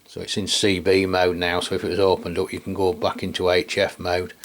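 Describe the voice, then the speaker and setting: A radio reviewer and video host from England gives a casual, rambling product demo, speaking colloquially and frequently ending with tag questions. His deep voice has little pitch movement and moves a little fast. He has an English accent.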